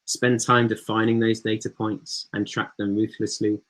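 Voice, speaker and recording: A startup founder giving a slide presentation in an easygoing way, with many ums and uhs, over a video call. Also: male voice, fairly low pitch, moderate pace, low-quality recording. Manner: relaxed, filler-heavy delivery.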